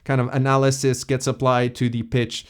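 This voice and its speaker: Relaxed man explaining music software. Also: medium pitch, moderate pace, smooth. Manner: relaxed, explanatory, uses fillers like "kind of". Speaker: tutorial host. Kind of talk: casual software tutorial.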